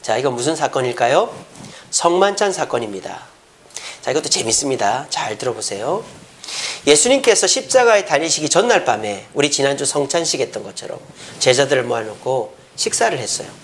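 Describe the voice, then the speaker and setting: A male pastor preaching a Sunday sermon, animated and often putting questions to the congregation. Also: mid-range voice, fairly quick, slight background noise.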